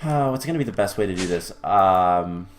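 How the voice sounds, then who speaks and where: Hosting a game let's-play, this man explains his building as he goes in a low, animated voice at a normal speed. He thinks aloud with fillers and restarts, corrects himself, and slips in the occasional mildly wry aside.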